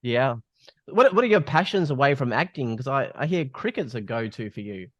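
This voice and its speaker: A man's voice: mid-range voice, big pitch swings, normal speed, no room sound. A man hosting a podcast interview, putting upbeat questions to his guest. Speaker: podcast host.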